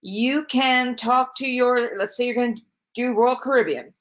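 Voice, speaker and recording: A woman teaching a live webinar over a video call, chatty and quick to correct herself as she goes. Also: fairly high pitch. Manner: chatty, self-correcting, lively asides. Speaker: webinar trainer. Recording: slightly dull, lo-fi webinar audio.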